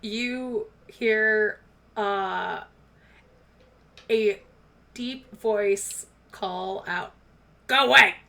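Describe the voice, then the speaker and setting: A woman's voice: mid-range voice, extremely slow, long pauses, fairly bright tone. A woman narrating a tabletop game as game master, describing scenes and slipping into casual chat.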